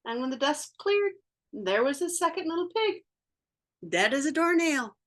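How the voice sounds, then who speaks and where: High, lively woman reading a storybook aloud. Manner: playful, theatrical, with sound effects and drawn-out words. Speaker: storybook reader. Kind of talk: expressive picture-book read-aloud in first-person wolf voice.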